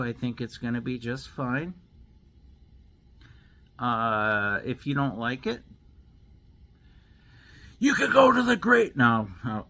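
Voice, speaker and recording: A man's voice: mid-range voice, sharp tone. A man who makes HVAC videos, chatting casually in a rambling, blunt way with some cursing. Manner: rambling and blunt, with mild profanity. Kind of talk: casual vlog chat.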